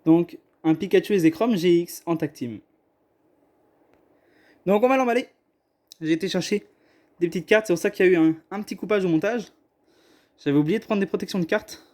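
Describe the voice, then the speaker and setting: A man's voice: high-pitched, brisk, pauses often, a little mellow. A man chatting casually as he opens trading card boxes on camera. He hesitates often and keeps apologizing. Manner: apologetic, hesitant, self-deprecating. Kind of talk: casual unboxing chat.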